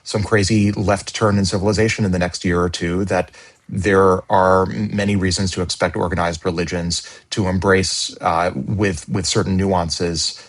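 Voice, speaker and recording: A man's voice: low-pitched, little pitch movement, moderate pace. A man talking as a regular panelist in a casual podcast discussion, often repeating words as he restarts, speculative. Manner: stammering word repeats, speculative.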